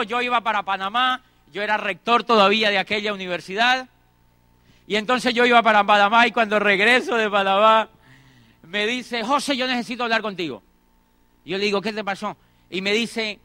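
A man's voice: extremely high pitch, pushed and bright, dry recording. A middle-aged man giving a motivational talk, acting out conversations and repeating phrases for emphasis. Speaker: motivational speaker. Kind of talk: motivational talk with acted anecdotes.

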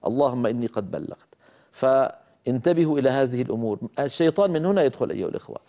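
A male teacher of Quran recitation giving a religious lesson in an earnest way, repeating key points and sounding them out slowly. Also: medium pitch, expressive, mellow. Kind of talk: religious lecture on recitation rules.

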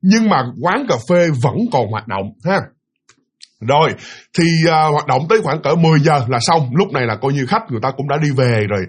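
Husky, fast-talking Southern storyteller man. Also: fairly high pitch, expressive. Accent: Southern Vietnamese. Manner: chatty, addresses listeners directly. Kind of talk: ghost story narration.

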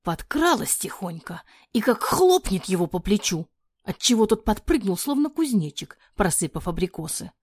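A woman narrating a fairy-tale audiobook in an expressive voice that often drops to a breathy near-whisper. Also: mid-range voice, normal speed, no echo, studio quality.

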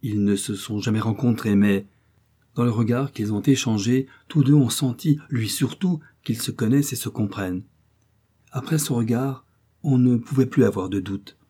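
Warm husky male audiobook narrator. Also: medium pitch. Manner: measured, expressive storytelling. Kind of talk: scripted literary narration.

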